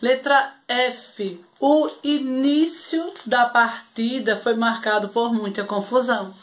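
A woman's voice: fairly high pitch, fairly even intonation, slow pace. A woman teacher with a Brazilian Portuguese accent giving a televised class to young pupils, patient and repetitive, often checking in with the class. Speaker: primary school teacher.

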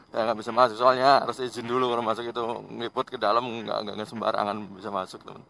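Rattling along quickly with some vocal fry, a medium-pitched Indonesian man narrates a motorbike ride on rural roads as a motovlog host. He's relaxed, laughs often, and chats to his viewers like friends, and there's a slight hiss or hum in the audio.

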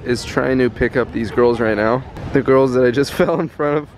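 A man's voice: medium pitch, moderate pace, a little hiss or hum. A young man chatting casually and playfully as a vlogger, teasing his friends. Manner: playful, teasing, laughs often. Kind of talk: casual vlog chat.

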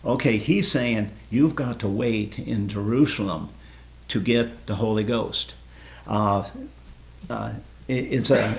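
Low, gravelly-voiced man as an earnest Bible study leader who explains and quizzes his group. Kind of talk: informal Bible study teaching.

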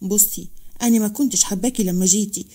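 A woman's voice: mid-range voice, quick pace, warm tone, slightly rough, close to an everyday voice. Woman voicing a coaxing older Egyptian housekeeper. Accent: Egyptian Arabic.

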